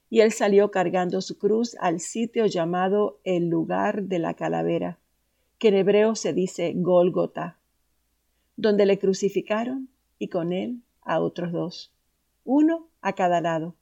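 A woman reading scripture aloud in a steady, solemn way. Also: medium pitch, measured pace, vocal fry, muffled recording. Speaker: scripture reader.

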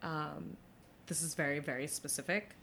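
A woman's voice: low voice, steady tone, moderate pace, creaky, a bit bright, a little hiss or hum. A young woman from Brooklyn, a guest in an interview, telling her story in a chatty way with many fillers and restarts. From Brooklyn, New York.

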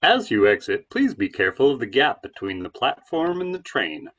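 Man as swooping, husky automated subway announcer. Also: mid-range voice, sing-song, normal speed, fairly bright tone. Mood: announcing. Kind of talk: transit announcement in readers theatre.

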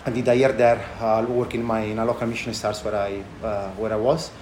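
An Italian chef and restaurant owner gives casual interview answers in a thick Italian accent, speaking haltingly with non-native phrasing. His voice is fairly low, level, and a little mellow, captured in an echoey room with light background noise.

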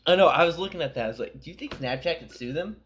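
A man's voice: fairly high pitch, animated, racing. A young man co-hosting a podcast, telling rambling, profane stories in casual chat. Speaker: podcast co-host.

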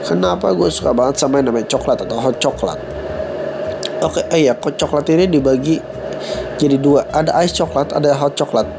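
A young man hosting a casual solo podcast talks fairly quickly in a mid-range voice, with background noise behind him. His nose is stuffy from a cold, his accent is Jakarta slang, and he jokes at his own expense, laughing at his own gags.

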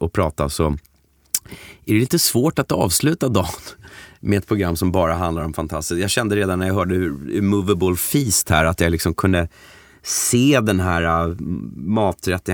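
Podcast co-host, man, very low voice, unhurried storyteller, dry recording. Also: dry recording. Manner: halting, relaxed storytelling. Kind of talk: casual chat.

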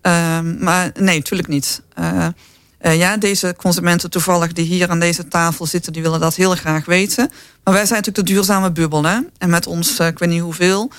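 A man's voice: high-pitched, normal speed, smooth, no room sound. Guy from the dutch south talking on a panel, lots of ehm's and tags, dry close sound. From southern Netherlands. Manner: lively, uses many fillers and rhetorical tags. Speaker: company representative. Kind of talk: panel discussion.

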